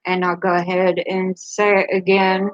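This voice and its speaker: A woman's voice: mid-range voice, completely flat delivery, normal speed, no room sound, highs cut off. A woman hosting a casual live stream, speaking candidly and rambling a little, with a laugh between her thoughts. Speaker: livestream host.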